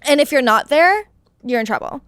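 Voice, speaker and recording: A woman's voice: sits high, animated, moderate pace, fairly bright tone, no room sound, studio quality. A young woman chatting casually as a podcast guest, with lots of "like" and frequent laughs. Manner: chatty, fillers of "like", laughs often. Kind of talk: casual chat.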